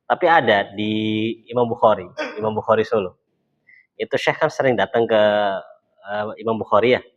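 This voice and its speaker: A man teaching an Arabic class in a relaxed, chatty way, often repeating words and acting out short dialogues. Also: mid-range voice. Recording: dull lo-fi recording.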